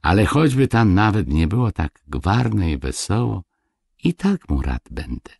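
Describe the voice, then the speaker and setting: A man voicing a kindly old dwarf king who speaks slowly and with tender dignity. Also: low-pitched, sing-song, vocal fry, a little mellow, no room sound, studio quality, voice pushed up, exaggerated voice.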